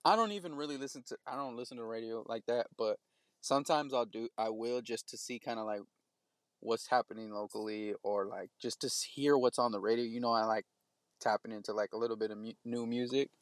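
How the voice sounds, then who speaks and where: A man's voice: medium pitch, steady tone, fairly quick, no room sound. A man talking casually on a podcast, rambling with many stops and restarts.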